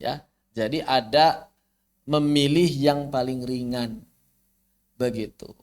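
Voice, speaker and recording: A man teaching Quran recitation rules in an online lesson, explaining with rhetorical questions and chanting Arabic verses slowly. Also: medium pitch. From Indonesia.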